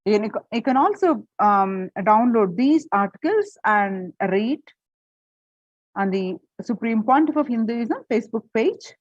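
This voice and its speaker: A woman reads a prepared text aloud as a presenter, her somewhat high voice moving up and down a lot. The voice is a little husky, and she trips now and then into fillers and restarts. The recording is dry and a bit dull. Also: expressive, unhurried, no room sound. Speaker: presenter reading an article.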